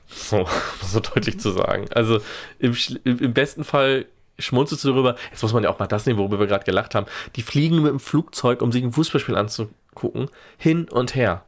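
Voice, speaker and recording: A man talking casually on a podcast, wry and exasperated, using dry gallows humor. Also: medium pitch. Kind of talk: casual chat.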